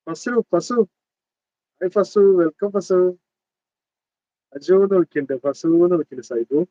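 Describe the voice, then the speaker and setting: A man's voice: high voice, normal speed, warm tone, dry recording. A man in his thirties with a Malabar Malayalam accent hosts a live stream, chatting and teasing as he greets viewers by name. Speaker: livestream host. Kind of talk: casual live chat reading comments. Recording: dull lo-fi dry sound.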